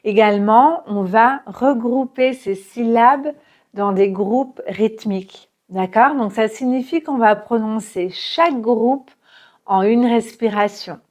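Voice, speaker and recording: A woman teaching pronunciation, speaking very clearly and modelling sentences slowly, syllable by syllable, for learners to repeat. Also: fairly high pitch, darkish tone. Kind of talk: slow, clearly articulated pronunciation lesson.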